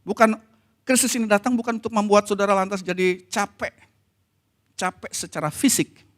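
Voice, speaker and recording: A middle-aged man preaching a sermon in a church, talking conversationally and moving between soft asides and emphatic passages. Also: sits high. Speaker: pastor.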